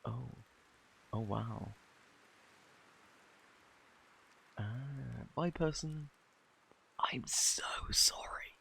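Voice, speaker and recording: A man with a British accent playing a flirty, bashful, kindly Cupid in an intimate ASMR romance roleplay, softly spoken, stammering and flustered. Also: medium pitch, vocal fry, slight background noise, full character voice. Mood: concerned, gentle. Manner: flustered, stammering, halting, apologetic.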